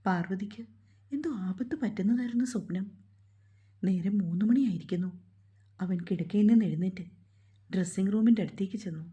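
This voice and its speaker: A woman narrates a romance novel in a calm, even storytelling voice. Her tone is very dark and mellow. The recording is dull and lo-fi. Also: mid-range voice, a little fast, pauses often.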